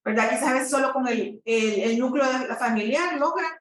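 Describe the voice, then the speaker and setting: A Salvadoran woman therapist gives a teaching presentation in a lecture room, explaining at length with frequent "¿verdad?" tags and fillers while checking in with the audience. Her high, fairly bright voice moves at normal speed, recorded far from the mic in an echoey room.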